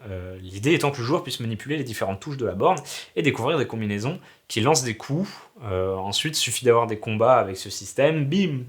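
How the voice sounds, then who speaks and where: Man, casual game-dev vlogger, sick and coughing, slangy and self-mocking, rambles on, mid-pitched voice. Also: fairly bright tone, slight background noise. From Alsace, France. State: sick with a sore throat, coughing. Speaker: hobby game developer vlogger. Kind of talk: casual vlog chat.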